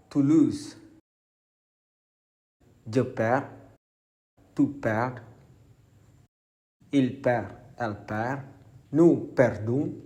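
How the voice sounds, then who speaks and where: A man reciting verb conjugations slowly and clearly as a language teacher. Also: medium pitch. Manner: slow, deliberate, enunciated recitation. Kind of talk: slow conjugation drill.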